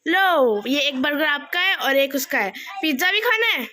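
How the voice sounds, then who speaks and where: A woman's voice: high voice, animated, moderate pace, bright, forceful tone. A young woman vlogging casually at home, playful and giggly, talking to her viewers as guys. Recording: echoey room with noise.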